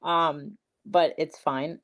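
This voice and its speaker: A woman's voice: low-pitched, steady tone, drawn-out words, dull audio. A young woman from Peru, talking as a podcast guest in a chatty, emphatic way, full of likes and literallys. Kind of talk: casual interview chat.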